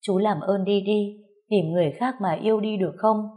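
A woman's voice: medium pitch, normal speed, dark tone, natural voice. A woman reading aloud and voicing a seventeen-year-old girl who is tearful and reproachful.

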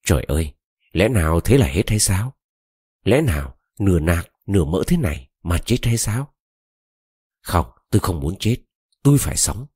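A man's voice: low-pitched, very animated, moderate pace, a little mellow, breathy edge, no echo, heavily acted. A man voicing a desperate, lovesick young woman who pleads tearfully, read close to a dry mic.

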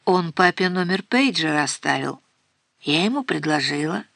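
A woman's voice: low-pitched, lively intonation, normal speed, gravelly, fairly bright tone, no room sound, full character voice. A sulky, defiant young woman snaps back at her mother, as a woman narrator puts her on. She sounds petulant and stubborn. The reading is dry and close-miked. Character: defiant sleepy teenage-to-young-adult daughter.

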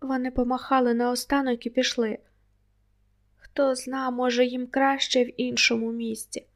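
A woman reading an audiobook aloud in a steady, even first-person storytelling voice. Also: sits high, moderate pace. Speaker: audiobook narrator.

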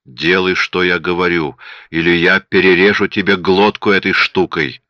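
A man voicing a menacing male killer with a low, quiet, threatening voice, on dull lo-fi audio. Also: little pitch movement, normal speed, no echo, natural voice. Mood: snarling.

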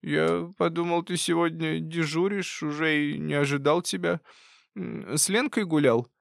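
A man's voice: on the high side, normal speed, gravelly, no room sound, clean studio sound, pitched above the performer's own voice. A man voicing a sleepy, lazy male pet rat that yawns and drawls its words. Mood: drowsy. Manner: yawning, drawling.

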